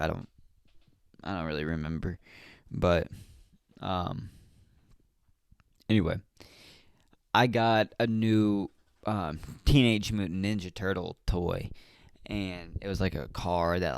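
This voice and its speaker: Deep-voiced man telling casual stories. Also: vocal fry, clear, resonant tone, dry recording, clean studio sound. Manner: rambling, slangy, lots of fillers. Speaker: podcast host. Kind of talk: casual storytelling.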